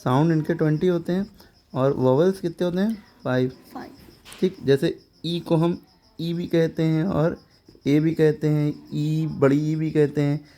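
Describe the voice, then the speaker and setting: A man's voice: a little high, fairly even intonation, warm tone. Male teacher explaining grammar. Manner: explains step by step, often checks understanding with questions; reads English example sentences slowly and deliberately. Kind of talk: classroom lesson in Hindi with English examples.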